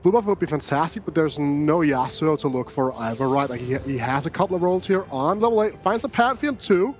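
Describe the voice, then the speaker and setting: A man's voice: a little high, lively intonation, brisk. A man giving analytical color commentary on an esports match, often saying "like" and "right?" as he thinks aloud. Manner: talks it through with many "like" and "right?" tags. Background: faint background music.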